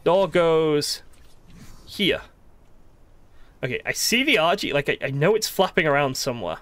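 In an unhurried, higher-pitched voice with no echo, a gamer offers casual, profane play-by-play. He grows excitable and fed up by turns, muttering at himself and the game's creatures.

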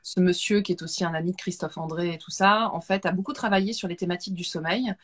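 A woman's voice: fairly low pitch, fast, breathy edge. A woman hosting a video call webinar, summarizing her guest's points and talking about books. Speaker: webinar host. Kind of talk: casual webinar chat.

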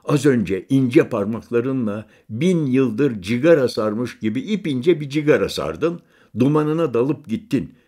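A man's voice: mid-range voice, darkish tone, voice pushed up. A man voicing a weary, brooding former prisoner and hunter who speaks in a hesitant, subdued way. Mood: puzzled.

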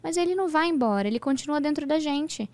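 A woman's voice: high voice, quick pace, no room sound. A woman in her thirties with a Brazilian accent, a podcast guest talking candidly and acting out the dialogue in her stories. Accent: Brazilian Portuguese. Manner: candid, animated storytelling, acts out dialogue. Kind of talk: casual chat.

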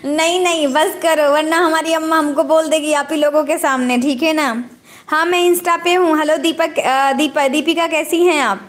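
A woman's voice: high voice, steady tone, moderate pace. A middle-aged housewife hosting a casual live stream, chatting and teasing back as she reads viewer comments.

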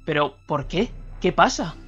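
Man playing a puzzled retired man, hesitant, questioning, higher voice, dull radio sound. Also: lively intonation, a little slow, fairly bright tone, husky, exaggerated voice. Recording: slightly dull radio recording, faint music.

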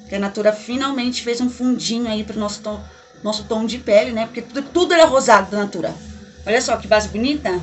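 A woman from Brazil talks straight to her viewers as friends while trying on makeup in her bedroom. Her voice sits a little high, and she gushes and chats freely in a casual beauty-vlog style. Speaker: beauty vlogger. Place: bedroom at home. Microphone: camera mic in a bedroom.

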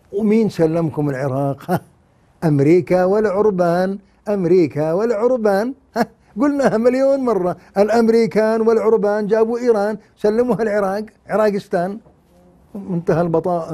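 An older man, holding forth in a mocking, animated manner as a television commentator. His voice sits fairly high for a man yet sounds dark and mellow. He slips easily into sarcastic asides. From Jordan. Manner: mocking, animated, mimics others in sing-song asides. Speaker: TV commentator, former university lecturer. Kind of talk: satirical political commentary.

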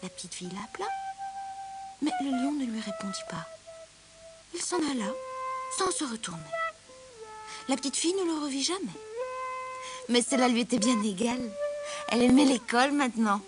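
A woman storyteller reading a children's story aloud in an expressive way, dropping to a hush at tense moments. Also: high-pitched, moderate pace, pauses often, music in the background. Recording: hissy old storybook recording.

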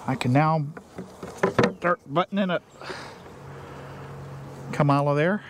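A man, a beekeeper, explaining his steps in a casual, unhurried way while he works outdoors. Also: fairly high pitch, noisy background. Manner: plain, unhurried, thinking aloud while working. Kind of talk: casual how-to narration. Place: outdoors beside a beehive. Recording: faint outdoor ambience with buzzing bees.

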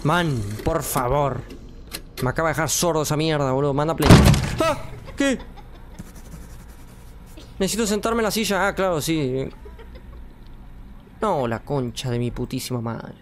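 A man's voice: a little high, sing-song, normal speed, pauses often, slight background noise. A young man with an Argentine accent giving jumpy, swearing commentary while playing a horror game and talking to his viewers. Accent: Argentine Spanish. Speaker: gaming streamer.

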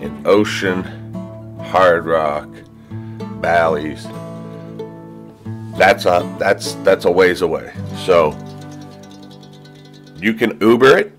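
Man, very low voice, chatty easygoing travel vlogger, phone camera, guitar music behind. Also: extremely slow, long pauses. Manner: chatty, easygoing, practical tips. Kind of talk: casual walking tour and review. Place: hotel casino and hotel room, indoors.

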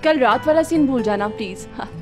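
A woman's voice: sits high, expressive, a little fast. An actress playing a coy, theatrical woman in her thirties in a dubbed TV drama. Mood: teasing. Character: teasing, theatrical woman turning soothing. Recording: music under the voice.

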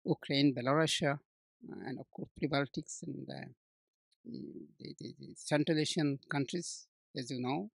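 A man in his sixties from Bangladesh, talking as an interview guest, halting often with fillers and restarts. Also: mid-range voice, steady tone, vocal fry, no echo. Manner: hesitant, many restarts and fillers, warm laughs. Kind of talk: conversational interview.

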